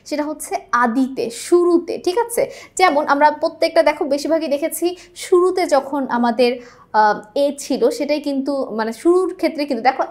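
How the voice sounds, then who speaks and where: A young woman with a high, bright-pitched voice works through exam questions like a patient tutor. She keeps stopping to ask whether the listener follows before giving the answer. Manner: checks in with rhetorical questions. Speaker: teacher. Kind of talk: exam-prep lesson explaining answers.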